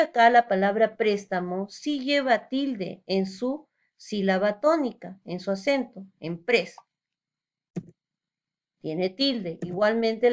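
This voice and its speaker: A woman's voice: a little high, dull audio. A woman teacher giving a recorded lesson, explaining step by step and asking rhetorical questions.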